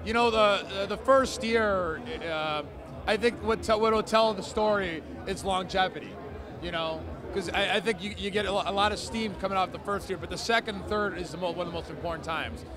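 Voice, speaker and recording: Male ring announcer, high-pitched, enthusiastic and conversational, giving a casual interview with crowd noise behind. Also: fairly quick. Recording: outdoor urban crowd and traffic noise.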